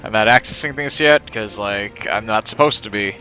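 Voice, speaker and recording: A man's voice: lowish voice, normal speed, bright, forceful tone, soft background music. A man giving casual let's play commentary, rambling and thinking aloud as he plays. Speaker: game streamer.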